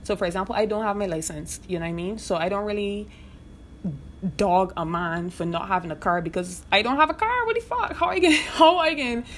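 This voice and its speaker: With a medium-pitched voice and a fairly quick delivery, this young podcast host with a Barbadian accent talks casually and frankly in a monologue. She swears freely and keeps asking "you know what I mean." A little hiss or hum can be heard.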